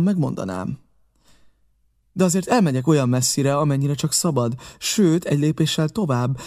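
A man's voice: mid-range voice, mellow, close to an everyday voice. A man voicing an earnest, kindly older ship's doctor who scolds and pleads, in an audiobook reading.

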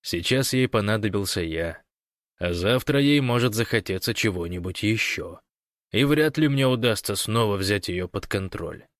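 A man voicing a sly, scheming man who feigns meekness, speaking soft and wheedling in an audiobook. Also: fairly low pitch, lively intonation, moderate pace, no echo, clean studio sound, close to an everyday voice. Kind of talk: audiobook character voice.

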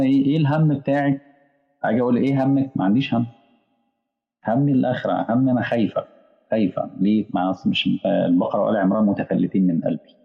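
A man's voice: mid-range voice, vocal fry, long reverb tail, lo-fi sound. A man with an Egyptian accent preaching a colloquial sermon, acting out back-and-forth dialogues with imagined listeners. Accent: Egyptian Arabic.

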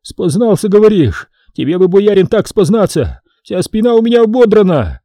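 Male reader doing a whiny, sobbing priest, pitched way up, mellow dark tone. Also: very animated, normal speed, dry recording, clean studio sound, heavily acted. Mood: wailing. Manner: whining, sobbing, high-pitched pleading. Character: wailing cowardly captive male priest, a poisoner. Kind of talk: audiobook character voice.

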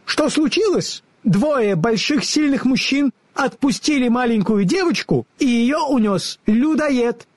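A man's voice: very high voice, expressive, measured pace, no room sound, voice pushed up, heavily acted. A man voicing a small forest squirrel in a storybook reading, chattering and scornful in a teasing manner. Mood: mocking.

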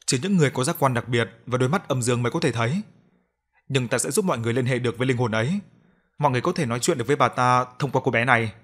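A man's voice: medium pitch, racing, a bit bright, lightly acted. Man playing a solemn older exorcist. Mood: grave. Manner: solemn, authoritative. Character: stern older male exorcist, grave and solemn.

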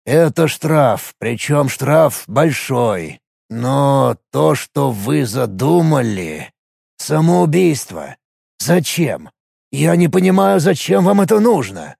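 A man's voice: sits high, huge pitch swings, gravelly, mellow, slightly rough, no echo, studio quality, voice pushed up, full character voice. A man reading an audiobook, voicing a serious, wary man who weighs his words. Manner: measured, serious.

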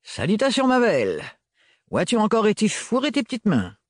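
A jovial redheaded servant who chats in a chummy, teasing, slangy way, as a man puts him on. The voice sits well above the reader's own and leaps about with lively swings in pitch. It sounds close and dry. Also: fairly quick, no room sound, full character voice. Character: jovial tall redheaded male servant, sly and wheedling. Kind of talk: audiobook character voice.

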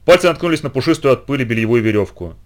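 Expressive male reader for a first-person children's story, lively and varied in pitch. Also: very fast. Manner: expressive, dramatic.

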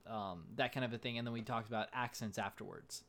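A man's voice: fairly low pitch, quick pace, fairly bright tone. A man co-hosting a casual podcast. He talks hesitantly, with many fillers and restarts. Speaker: podcast co-host.

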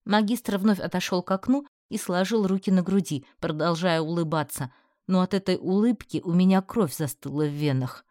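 A woman narrating a first-person fantasy novel in a steady, expressive storytelling manner. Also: on the low side, moderate pace, no echo, clean studio sound. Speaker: audiobook narrator.

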